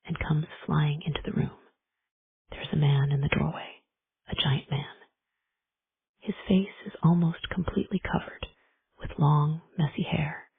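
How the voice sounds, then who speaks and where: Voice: mid-range voice, vocal fry, breathy edge. Whispering audiobook narrator, thin phone-like sound. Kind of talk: whispered storytelling. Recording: dry, tinny phone-like sound.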